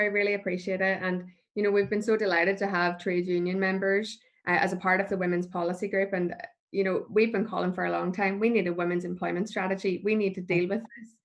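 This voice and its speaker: A woman hosting an online event over a video call, thanking speakers and inviting questions. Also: medium pitch. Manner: warm, grateful, brisk moderating. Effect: heard over a video call. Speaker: event host.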